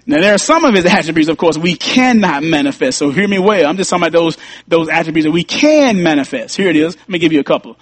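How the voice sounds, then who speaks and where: Male pastor, sermon, high voice, emphatic and repetitive, dry close sound. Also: expressive, fast talker, no room sound. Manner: preaching, rising to emphatic peaks, repeats key lines.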